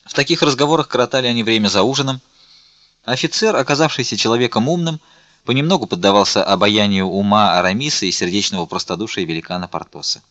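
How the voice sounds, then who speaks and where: Low, bright male narrator. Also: quick pace, no room sound, dull audio. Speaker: audiobook narrator. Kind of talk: scripted narration.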